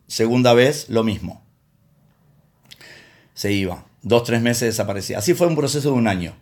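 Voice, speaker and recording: A man's voice: medium pitch, expressive, moderate pace, darkish tone. A man preaching a sermon in a conversational way, telling anecdotes from his work as a counselor and acting out the voices he quotes. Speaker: pastor and counselor.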